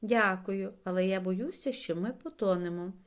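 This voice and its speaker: A woman's voice: mid-range voice, moderate pace, close to an everyday voice. A woman reading aloud and voicing a cheerful little boy character from a children's storybook. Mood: timid.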